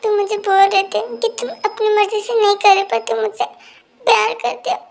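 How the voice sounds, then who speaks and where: Amateur dubber doing a remorseful young husband, very high gravelly voice, stammering apologies. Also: fairly even intonation, normal speed, a bit bright, a little hiss or hum. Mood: tearful. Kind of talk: amateur Hindi fan-fiction dub.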